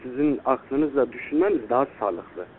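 A man's voice: medium pitch, expressive, moderate pace, slight background noise. A young man, a student, speaking informally and deferentially to someone he treats as an older friend on a phone call. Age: young adult. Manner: deferential, repeatedly addressing the listener as older brother. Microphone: telephone. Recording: tinny, band-limited recorded phone call.

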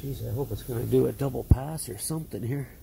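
A man talks his way through a car wash from behind the wheel of his van, rambling and musing, with a lot of fillers and restarts. His voice sits at an ordinary middle pitch. Loud spraying water and vehicle noise carry clearly under the phone recording. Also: quick pace. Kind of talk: casual vlog commentary. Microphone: phone camera in the driver's seat.

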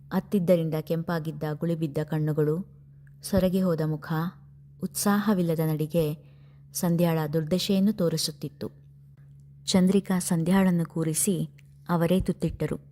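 Low, mellow woman storyteller. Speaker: storyteller host. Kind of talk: serialized novel reading.

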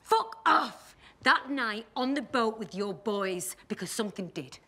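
A woman's voice: a little high, expressive, a little slow, pushed and bright, slightly rough, full character voice. An actress in a TV drama playing a blunt, determined woman who confronts people head-on. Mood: angry. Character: determined woman chasing the truth.

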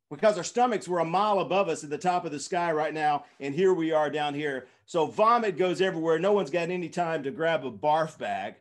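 A man in his fifties tells a dramatic story as a keynote speaker. His voice sits a touch high for a man. He stumbles through fillers and restarts as he builds the tale.

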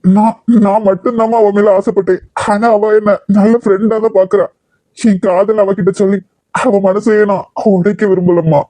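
A mournful young man in a cartoon, voiced by a performer, halting and stammering. His tone is mellow and dark, and it is recorded close and dry. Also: mid-range voice, level tone, no room sound, natural voice. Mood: confessing. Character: heartbroken young man in unspoken love. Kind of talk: cartoon voice acting.

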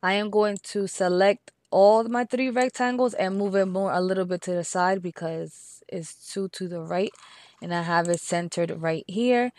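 A woman with a Spanish accent talks through a software craft tutorial step by step, slowing down to repeat each number. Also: mid-range voice, steady tone, no echo, studio quality. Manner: patient, repeats steps and numbers slowly.

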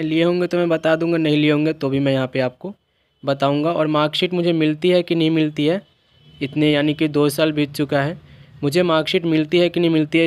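A YouTuber helping open-school students explains things in a vlog, repeating and rephrasing his points. His voice is fairly high with a darkish, smooth tone, and the recording is dry.

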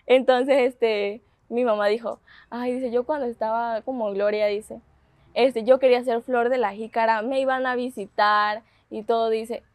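A woman's voice: fairly high pitch, moderate pace, dry recording. A young woman in her twenties with a Mexican accent, eagerly telling her story in an interview and quoting others as she goes. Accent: Mexican Spanish. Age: 20s. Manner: animated retelling with quoted dialogue, laughing often. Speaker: pageant contestant.

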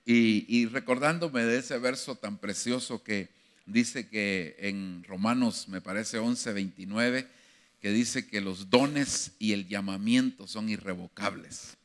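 A man's voice: lowish voice, slow. A man preaching a sermon as pastor, addressing the congregation as brother and acting out biblical dialogues with growing fervor.

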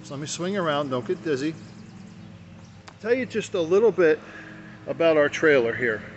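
A man's voice: on the high side, lively intonation, moderate pace. An older man casually showing his camping gear to camera at a grassy campsite, talking in a folksy, rambling way and correcting himself as he goes. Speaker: motorcycle camping vlogger. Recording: dull lo-fi outdoor sound with faint noise.

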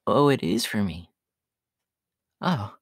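A man voicing a shy, gentle young catboy in a soft, hesitant ASMR role-play for an audio story. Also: lowish voice, animated, slow, husky, dry recording, studio quality, exaggerated voice. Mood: bashful, grateful. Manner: hesitant, bashful, soft-spoken with nervous giggles.

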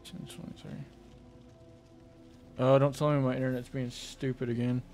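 A man's voice: mid-range voice, level tone, normal speed, a little mellow, faint music behind. A man hosting a casual gaming livestream, chatting with a friend and joking around while setting up. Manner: joking, self-deprecating banter. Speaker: streamer.

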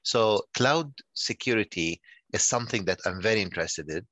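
An older man presents over a video call, his voice very low and close. The room sounds dry, with no echo. He stumbles and repeats small words as he builds each point. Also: expressive, a bit bright, lo-fi sound. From Nigeria. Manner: halting, many repeated words. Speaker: guest speaker. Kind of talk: online conference talk.

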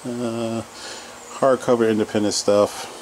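A man's voice: medium pitch, flat delivery, a little slow, darkish tone, a little hiss or hum, low-quality recording. A man casually narrating a tour of his basement collection, listing items one by one with fillers, recorded on a handheld camera. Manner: rambling item-by-item listing with fillers. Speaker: collector giving a home tour. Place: home basement.

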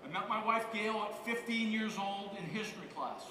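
A man's voice: high-pitched, moderate pace, background noise. A man giving an emphatic motivational keynote on a conference stage, repeating key phrases. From United States. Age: 50s. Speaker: keynote speaker. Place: large conference hall on stage. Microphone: headset mic. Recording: roomy hall reverb, heard from far off.

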